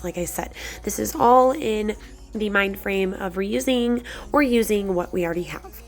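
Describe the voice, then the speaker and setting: A woman with a breathy, slightly congested voice from a cold, narrating a craft tutorial in a chatty, encouraging way. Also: mid-range voice. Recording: background music under the voice. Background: music.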